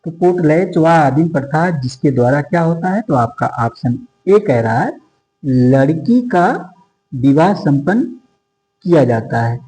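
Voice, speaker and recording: Mellow-voiced man teaching sociology exam prep. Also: mid-range voice, rough recording. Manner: repeats question numbers, drills options for students.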